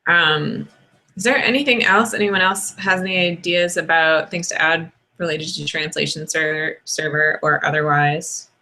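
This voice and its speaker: Woman running a dev meeting, low pitched but bright and crisp, brisk wrap up. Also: fairly even intonation, rough recording. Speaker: meeting host. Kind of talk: casual meeting talk.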